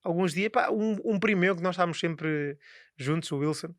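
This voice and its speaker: Playful man, higher voice. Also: fairly quick, dry recording, studio quality. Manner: teasing, playful storytelling with many fillers. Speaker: podcast co-host. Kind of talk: casual chat.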